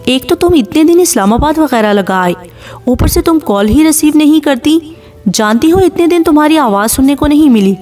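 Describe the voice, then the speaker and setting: A woman's voice: high-pitched, far from the mic, faint music behind, voice pushed up. Woman reading a coaxing persistent male caller. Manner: calm, coaxing. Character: persistent young man caller, smooth and insistent.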